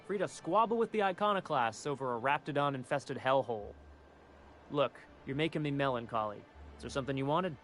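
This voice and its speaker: A man's voice: medium pitch, animated, a little fast, fairly bright tone, faint music behind, close to an everyday voice. A man voicing a melancholy, nostalgic townsman in a video game, grumbling in formal, theatrical phrases. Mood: melancholy, bitter. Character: gloomy, nostalgic townsman grumbling about his lot. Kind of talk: video game dialogue acting.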